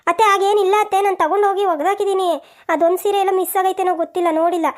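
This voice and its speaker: A woman's voice: extremely high pitch, steady tone, racing. A woman voicing a meek, tearful young daughter-in-law in a cartoon, apologetic and pleading. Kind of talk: cartoon voice acting.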